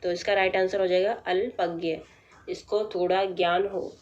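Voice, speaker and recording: A woman teacher going through a practice test, reading out each option and then explaining the right answer in a plain, measured way. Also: lowish voice, level tone, lo-fi sound. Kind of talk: exam practice lesson.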